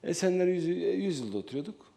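A man's voice: high voice, lively intonation, brisk, creaky, dark tone. A man appearing as a talk show guest, telling his account hesitantly and then with emphasis.

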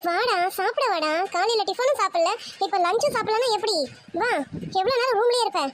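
A woman's voice: very high-pitched, a little fast, a little hiss or hum. A woman voicing a fussy middle-aged mother who insists her son come eat, in an amateur audio romance story. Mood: insistent. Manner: insistent, scolding.

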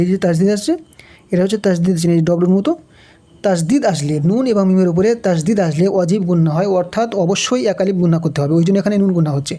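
A man with a Bangladeshi Bengali accent teaching Quran reading, spelling out letters and vowel marks, then chanting the words slowly in a higher tone. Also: dark tone. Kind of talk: step-by-step recitation lesson.

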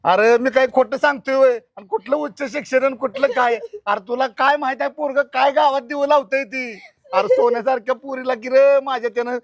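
A man's voice: extremely high pitch, fairly even intonation, brisk, no room sound. A man playing a distraught village father who pleads and scolds emphatically in a short film. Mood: anguished accusing. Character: distraught rural father defending his daughter.

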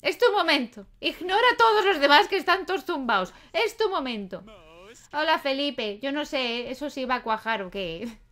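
A young woman talks through a life-simulation game in a loose, chatty way. She scolds and coos at the characters like a doting mother. Her voice sits a little high. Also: lively intonation, normal speed, a bit bright. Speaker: gaming video host. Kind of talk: casual Let's Play commentary.

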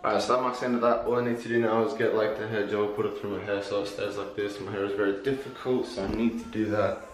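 A young man talking casually to camera as a vlogger, relaxed and rambling. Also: fairly low pitch, fast talker, echoey room, faint music behind, low-quality recording. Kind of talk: casual vlog talk to camera.

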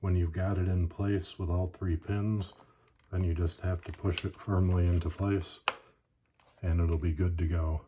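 Male instructional narrator, deep and monotone, plainspoken and unhurried in manner. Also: noisy background. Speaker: presenter of a gear demonstration.

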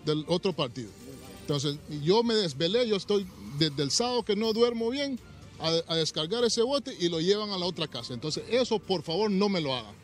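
Blunt middle-aged mayor, fairly high voice. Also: male voice, expressive, normal speed, faint music behind. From Honduras. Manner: blunt, urgent, insistent. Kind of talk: live news interview. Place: outdoors at night. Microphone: reporter's handheld microphone.

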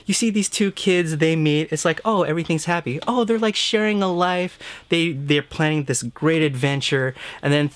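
A man's voice: a little high, no echo. A man co-hosting a casual film chat, emotional and exclaiming often, laughing as he gets choked up. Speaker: film show co-host.

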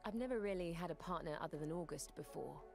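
A woman playing a tough, guarded young monster hunter in a visual novel, blunt and gruffly sincere. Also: on the low side, quick pace. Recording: music behind the voice.

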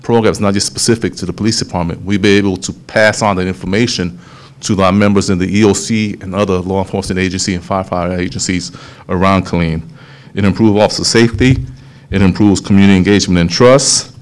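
A man, a police official explaining a program to a town hall meeting, steady and explanatory, often restarting phrases. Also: deep voice. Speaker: police official presenting to city council.

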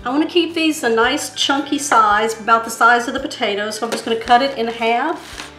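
Talking a little fast in a slightly high voice, this woman hosts a cooking channel from her home kitchen, guiding viewers step by step and relishing the food as she tastes it. Only her hands and countertop are in frame, with faint music in the spacious room.

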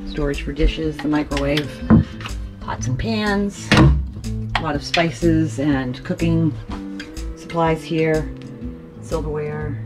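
A woman with a notably low voice gives a relaxed, chatty tour of her sailboat, filming on a handheld camera. She moves from the deck down into the cabin and points things out with the odd um. Loud music plays behind her voice. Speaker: boat owner giving a tour. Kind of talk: casual walkthrough narration. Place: on and inside a sailboat at anchor, outdoors on deck then in the cabin.

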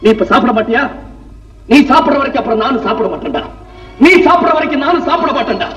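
A man's voice: extremely high pitch, animated, quick pace, fairly bright tone. A stern grieving old father. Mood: coaxing. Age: older. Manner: commanding, then mournful. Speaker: family patriarch in a film. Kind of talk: 1960s film acting. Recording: dull distant old film soundtrack with music.

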